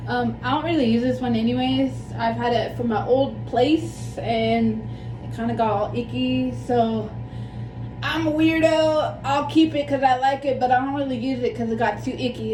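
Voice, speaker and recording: A woman in her thirties with a fairly high voice and a lisp rambles casually through a hands-on vlog. She is apologetic and self-deprecating. The sound is echoey and a bit distant from the mic. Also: fairly even intonation, moderate pace. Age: 30s. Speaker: plant vlogger. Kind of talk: casual, rambling chat while demonstrating. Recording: echoey room, distant mic, background music.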